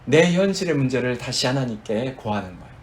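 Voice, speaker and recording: A man's voice: mid-range voice, animated, fairly quick. A man preaching a sermon as pastor, addressing the congregation and acting out dramatic quoted prayers.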